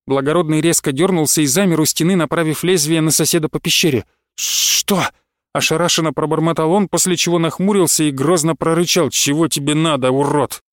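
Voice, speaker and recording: Guy reading a fantasy book, measured, a bit high voice, dry close mic. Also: steady tone, no echo. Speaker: audiobook narrator. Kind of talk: scripted fantasy narration.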